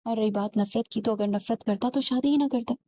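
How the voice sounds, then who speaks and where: A woman's voice: on the high side, brisk, warm tone, natural voice. A woman voicing a curt, irritable young husband in a spoken romance story, blunt and impatient.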